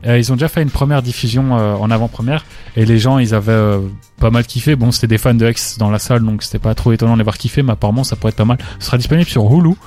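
A chatty man rattles through rap news at a fast clip, his pitch sitting in a middling range. He is opinionated and fills his sentences with hesitations, over faint music in the background. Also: darkish tone. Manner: quick, chatty, many "euh" fillers, opinionated. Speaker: co-host. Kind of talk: casual chat about rap news.

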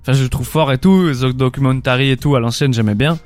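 A man's voice: medium pitch, quick pace, no echo, faint music behind. A man appearing as a guest artist in a casual rap chat, teasing and blunt, who often stumbles over the start of a sentence.

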